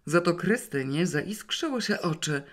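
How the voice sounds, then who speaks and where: A reader narrating a novel in the first person, with a wry, lively storytelling manner. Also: medium pitch, unhurried. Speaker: audiobook reader.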